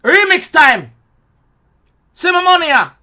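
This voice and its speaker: A young man with a Jamaican accent gives an excitable reaction commentary, full of loud exclamations and swearing. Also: extremely high pitch, unhurried. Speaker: music reaction host.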